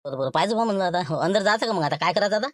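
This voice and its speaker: A man with a Vidarbha Marathi accent talking in a low-key, scheming way in a comedy sketch dialogue. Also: animated, rapid-fire, no echo, clean studio sound.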